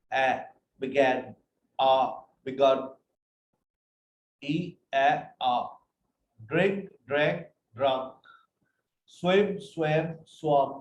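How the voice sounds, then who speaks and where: Here the teacher's voice sits on the high side and has a darkish tone. He patiently reads word lists aloud to his online English class, calling students "beta", through a computer mic in a live video call whose roomy, dull sound has some hiss or hum.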